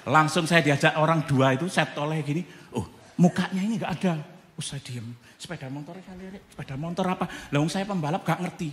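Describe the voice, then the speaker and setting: A male pastor, preaching a testimony sermon as an animated storyteller who acts out dialogue and sound effects. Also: on the high side, fast, hardly any pauses, in a large hall, a little hiss or hum.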